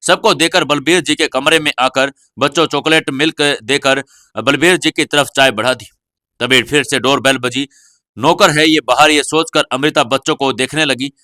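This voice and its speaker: A man narrating a serialized audio novel in a steady storytelling manner. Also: mid-range voice, moderate pace, no room sound, studio quality. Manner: steady storytelling, voicing every character.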